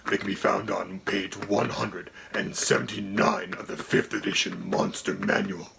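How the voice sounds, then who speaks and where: A man voicing a haughty dragon co-host who speaks in a gravelly, whispery voice and a dry, condescending tone. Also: lowish voice, fairly even intonation, moderate pace, crowd noise. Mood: deadpan. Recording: music playing under the voice.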